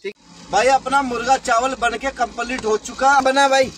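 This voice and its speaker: With a very high, slightly bright voice, fairly even intonation and normal speed, a man in his thirties narrates a casual trucking vlog. He holds the phone at arm's length, chats with viewers he calls "brother" and "friends," and the sound is noisy, captured outdoors by trucks, roads and highway stops.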